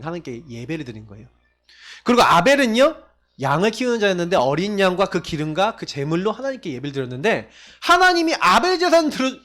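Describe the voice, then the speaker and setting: A male pastor preaching a sermon, emphatic, asking the congregation questions and swinging between loud stressed phrases and low quiet asides.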